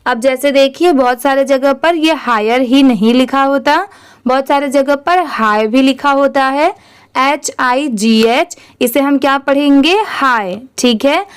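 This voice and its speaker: A woman's voice: high-pitched, unhurried. A woman teaching English reading in Hindi. She spells words out letter by letter and asks and answers her own questions as she goes.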